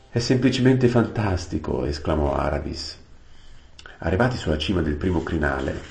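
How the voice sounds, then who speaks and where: A man narrating a storybook aloud, unhurried, adding plain-word glosses. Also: very deep voice, creaky, darkish tone. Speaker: audiobook reader. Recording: roomy echo.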